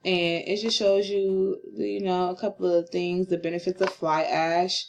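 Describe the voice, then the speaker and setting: A woman's voice: on the low side, level tone, unhurried. Tired young woman giving a class presentation. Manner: casual, rambling with fillers and restarts. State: tired, slightly slurring. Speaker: student presenter.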